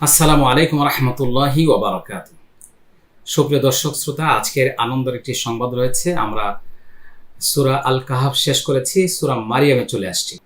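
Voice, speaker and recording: A man's voice: medium pitch, a little fast, fairly bright tone, roomy sound. A man with a Bangladeshi Bengali accent formally opening a Quran lesson episode for viewers. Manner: announcing, formal. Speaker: show host. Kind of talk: formal introduction.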